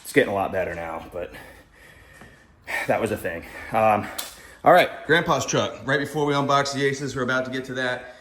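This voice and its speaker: A man's voice: medium pitch, moderate pace, pauses often, a bit bright, echoey room. A young man hosting a casual garage vlog, chatty and rambling with lots of fillers, a bit out of breath. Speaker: garage channel host. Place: home garage.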